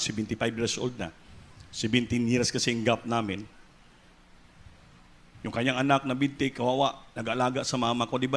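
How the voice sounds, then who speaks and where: Bright-voiced Filipino man preaching. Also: medium pitch. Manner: switches between soft storytelling and loud exclamations; mixes English words into Tagalog. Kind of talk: sermon with personal story.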